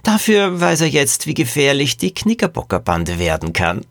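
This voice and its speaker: A man's voice: medium pitch, huge pitch swings, normal speed, gravelly, fairly bright tone, no echo, voice pushed up, full character voice. A man voicing a clever, secretive boy detective in a read-aloud children's mystery.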